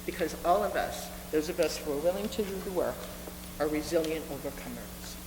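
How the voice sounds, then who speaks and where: Preaching earnestly and deliberately, this woman in her seventies, a reverend, leans on repeated phrases to drive her points home, her low-sitting voice animated. The live microphone picks her up in an echoing meeting hall full of congregants, along with a noisy hum.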